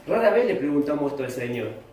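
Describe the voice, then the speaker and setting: In a church hall, a pastor with a Rioplatense Spanish accent preaches a sermon and puts questions to his congregation. He talks fast in a darkish voice on the high side with big pitch swings, captured in an echoey room by a distant mic with faint noise.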